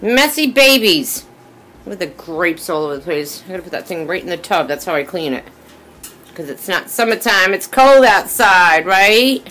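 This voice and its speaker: A woman's voice: fairly low pitch, normal speed, fairly bright tone. A woman vlogging at home on a phone camera, chatting to her pet birds in sing-song baby talk. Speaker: pet bird owner vlogging. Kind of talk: casual vlog talking to pet birds. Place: home indoors.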